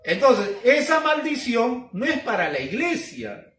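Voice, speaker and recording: A man's voice: extremely high pitch, very animated, measured pace, fairly bright tone, far from the mic. A man, a pastor preaching emphatically with repeated rhetorical questions. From Peru. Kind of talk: sermon teaching. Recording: roomy sound from off-mic.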